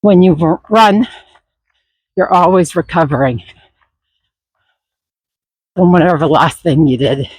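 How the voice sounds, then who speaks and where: A runner records a reflective, motivational vlog while out running. The voice is mid-pitched and slow, coming in short, halting phrases with pauses. The sound is dry, with no echo. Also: breathy edge. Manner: reflective, halting, unscripted delivery. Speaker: runner vlogging.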